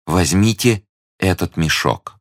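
Male narrator playing a fearful, secretive young woman: hushed, hesitant, quiet, dry booth. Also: sits low, slow, no room sound, voice pushed up. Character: young woman, anxious secretive lady in danger.

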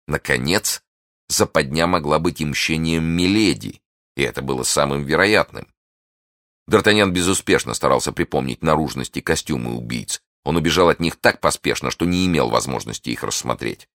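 A man reading a classic adventure novel aloud as an audiobook narrator, in a measured storytelling way. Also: extremely low pitch, lively intonation, fairly bright tone, no room sound, studio quality.

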